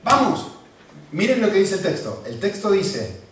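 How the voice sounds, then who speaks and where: A man preaching a sermon in an animated, emphatic way, repeating phrases for emphasis. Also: sits high, unhurried. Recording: echoey room from far off, faint background noise.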